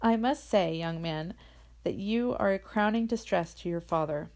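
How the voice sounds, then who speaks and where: Brief: woman reading a stately rich gentleman, formal and commanding, low gravelly tone, storybook. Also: moderate pace, close to an everyday voice. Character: wealthy gentleman collector, commanding and amused.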